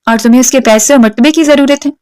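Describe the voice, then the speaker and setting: A woman voicing a proud, stubborn young woman who answers with sharp, defiant retorts. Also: high-pitched, clear, resonant tone, no room sound, lightly acted. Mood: scolding.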